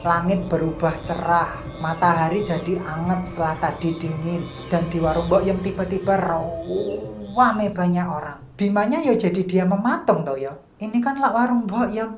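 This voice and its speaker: A woman's voice: fairly low pitch, moderate pace, vocal fry, few pauses. Chatty woman telling a spooky tale. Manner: chatty, uses sound effects and slang. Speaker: storyteller. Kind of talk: casual spoken horror storytelling. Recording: echoey room, faint music.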